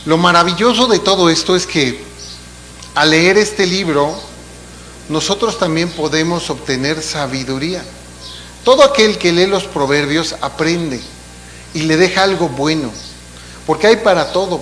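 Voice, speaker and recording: A man with a bright, somewhat high voice delivers a sermon in a church hall, explaining things casually with side remarks and rhetorical questions. The recording carries long hall reverb and a faint hum.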